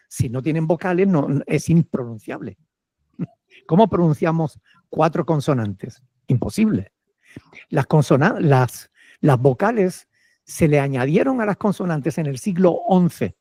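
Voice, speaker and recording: Male Peruvian pastor, teacherly Q&A answers, warm dark tone, dry close sound. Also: fairly high pitch, lively intonation, unhurried, pauses often, dry recording. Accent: Peruvian Spanish. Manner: explanatory, often checks with "¿ok?". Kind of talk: answering questions in a church Q&A.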